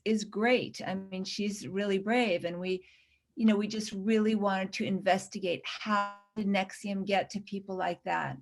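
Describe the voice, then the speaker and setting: A woman documentary director answering interview questions earnestly, often restarting her sentences. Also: medium pitch.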